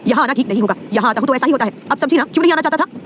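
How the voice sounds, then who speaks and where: Brief: protective young husband, fierce and blunt, quick-talking, in a romance audio story, voiced by a woman narrator. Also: sits high, lively intonation, slight background noise. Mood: angry. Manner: blunt and commanding, turning soft and pleading.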